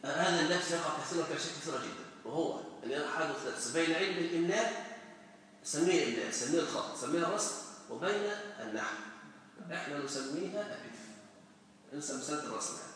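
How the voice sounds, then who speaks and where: A man teaching Arabic grammar to a class, lively and quizzing his students with questions. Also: on the high side, quick pace, slight background noise. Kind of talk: classroom lesson. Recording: echoey hall, recorded from far off.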